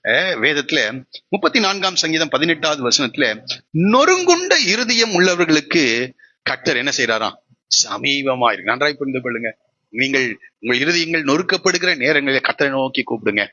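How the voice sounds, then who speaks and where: A pastor preaching a sermon, asking the congregation questions and answering them himself. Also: male voice, mid-range voice, a little fast, pushed and bright, lo-fi sound.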